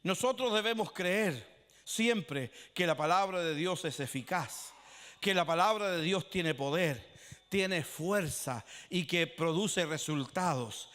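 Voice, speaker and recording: A man preaching a sermon as pastor, retelling stories with dramatic acted quotes and sometimes shouting. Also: sits high, slow pace. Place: church. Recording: long hall reverb.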